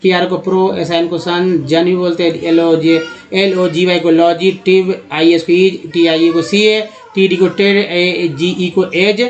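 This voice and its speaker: A man's voice: high-pitched, level tone, measured pace. A man teaching English reading in a Hindi-language phonics lesson, steadily spelling out letter groups and repeating their sounds. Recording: dull lo-fi recording.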